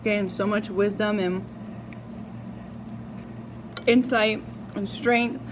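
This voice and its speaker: Female mukbang vlogger, mid-range voice, talks while eating; confessional, pausing, reflective; noticeably noisy recording. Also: mid-range voice, fairly even intonation. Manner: chewing and eating while talking; reflective, halting, with drawn-out words and pauses. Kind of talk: casual confessional chat to viewers. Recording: clearly noisy background.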